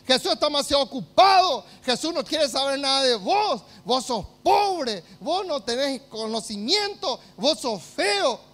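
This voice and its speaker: A man with a Paraguayan Spanish accent, voicing a sneering male voice of lies that belittles the listener in slow, loud taunts. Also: extremely high pitch, big pitch swings, pitched above the performer's own voice, heavily acted. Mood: taunting.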